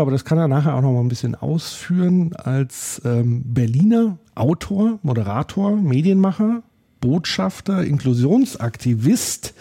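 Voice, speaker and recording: Dark-toned male podcast host. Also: on the high side. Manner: friendly, hesitant with fillers. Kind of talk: interviewing.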